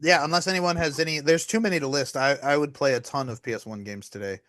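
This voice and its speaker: A man in his thirties chats casually on a gaming podcast, animated and quick to swear. He gets carried away and laughs a lot. The sound is dry and close, with no room echo. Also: a little high. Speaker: podcast co-host. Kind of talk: casual chat.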